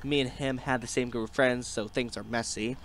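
A man's voice: mid-range voice, steady tone, a little fast, over loud music, voice pushed down, lightly acted. A young man reading the chat lines of a sad young woman after a breakup in his own plain voice. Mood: downcast.

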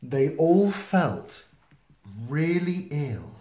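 A man with a voice on the high side reads a children's picture book aloud as a storytime reader, slow and expressive, adding playful sound effects and asides. He sits close to the camera in a small indoor room, and the home video sound is roomy and echoey.

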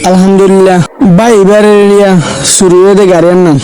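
A man's voice: high voice, little pitch movement, quick pace, dark tone, lightly acted, low-quality recording. A man with a Chittagonian Bengali accent playing a local man seeking help in an amateur comedy skit. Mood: earnest.

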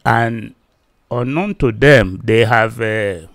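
Speaking medium-pitched into a close desk microphone, this Nigerian man in his fifties with a Yoruba accent delivers a solo teaching video from a small indoor room. The recording is dry. He hesitates often with many fillers and speaks slowly, but becomes steadily louder and more forceful.

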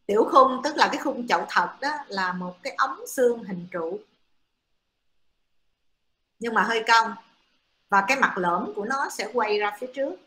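Female lecturer, patient explainer with lots of fillers, slightly high voice, recorded in a roomy, echoing space. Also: animated, normal speed, pauses often, sharp tone. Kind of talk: classroom lecture. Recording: echoey room.

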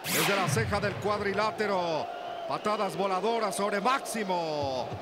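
A man with a Mexican accent presenting wrestling highlights as a commentator, describing each move. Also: a little slow, over a noisy crowd, very noisy. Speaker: lucha libre commentator. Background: loud music.

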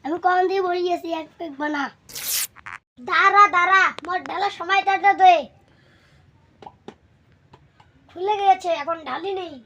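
An extremely high, childlike voice plays a boisterous young man in a comedy skit, acted by a man. He is bossy and exclamatory, calling out to his drinking buddies. The recording is clearly noisy. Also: steady tone, fast, dull audio. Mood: bossy, eager.

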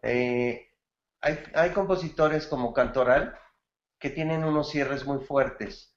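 A man's voice: mid-range voice, slow, echoey room, lo-fi sound. A man teaching songwriting gives feedback on a student's bolero, praising it and explaining grammar with song examples. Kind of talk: feedback in an online class.

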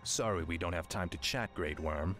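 A man voicing a brazen, cold-blooded villain in a video game, brisk and mocking. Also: deep voice, fairly bright tone, soft background music. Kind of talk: video game dialogue acting.

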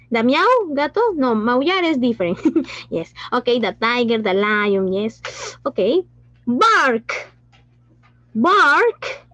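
Woman teacher, high slow voice, dull dry sound. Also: no room sound. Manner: mixes Spanish and English, asks questions and praises pupils. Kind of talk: online class teaching.

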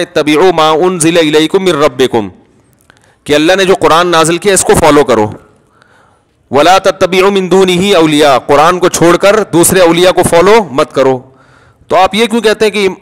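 A man's voice: fairly high pitch, a bit bright. Man preaching in a reverberant hall. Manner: explanatory, conversational, answers then argues with examples. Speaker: cleric answering questions. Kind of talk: Friday sermon, question and answer. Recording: long reverb of a large hall.

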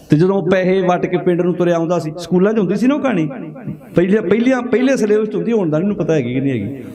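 A middle-aged man with a Punjabi accent preaching a sermon, firing rhetorical questions and urging the congregation to answer aloud. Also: sits high. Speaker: Sikh preacher.

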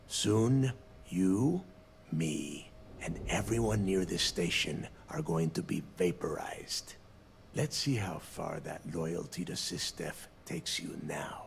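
An actor playing a cunning, bitter space pirate captain in a video game, sneering and taunting, dropping into hushed asides. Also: male voice, medium pitch, sing-song, measured pace, gravelly, pauses often, a little hiss or hum. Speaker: game character.

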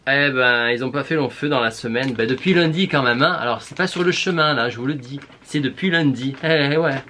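A man's voice: mid-range voice, fairly quick, sharp tone, a little hiss or hum. Male vlogger, southern French accent, playful and exclamatory, mid-range voice. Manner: chatty, playful, exclamatory, talks straight to viewers. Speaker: beauty vlogger. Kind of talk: casual shopping haul vlog.

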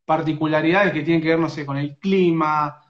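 A sports radio interviewer with an Argentine Rioplatense accent questions a young footballer over a phone live stream, his fairly high, fairly even voice brisk but hesitant, full of fillers, stops and restarts. He's indoors in a small room, captured by a phone's front camera, so the audio sounds roomy and muffled.

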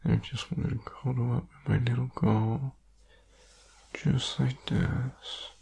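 Guy doing asmr boyfriend ASMR role-play, needy n sleepy, super breathy husky, soft dark tone, cuddly and tender. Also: mid-range voice, little pitch movement, heavily acted. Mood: needy, affectionate. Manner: slow, tender, clingy, soothing. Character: needy, sleepy, affectionate boyfriend cuddling his partner in bed.

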